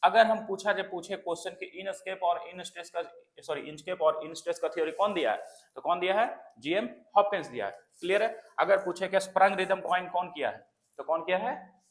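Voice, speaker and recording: A man teaching an exam-prep literature lesson, repeating key points and often asking if it is clear. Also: high-pitched, brisk. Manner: repetitive, checks understanding often. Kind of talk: classroom lecture.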